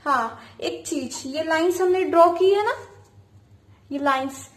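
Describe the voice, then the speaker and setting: A woman with a high voice gives a beginner abacus lesson in a room with a noticeable echo. She keeps asking questions and answering them herself, spelling out key words letter by letter. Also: takes it slowly. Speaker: abacus teacher. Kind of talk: teaching with call-and-response questions.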